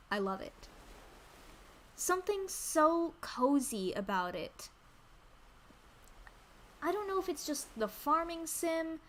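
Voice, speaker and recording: A woman chatting casually on a livestream in a cute anime-streamer manner, gushing and excitable, repeating phrases for emphasis. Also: mid-range voice. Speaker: VTuber streamer introducing themself. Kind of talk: casual livestream chat about games.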